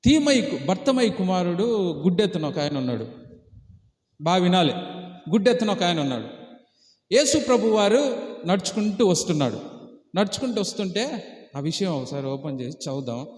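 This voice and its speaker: A man's voice: sits high, sing-song, moderate pace, pauses often, darkish tone. A man preaching as a pastor, asking rhetorical questions and urging the congregation to answer aloud. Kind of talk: Telugu sermon on fasting prayer. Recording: echoey church hall reverb.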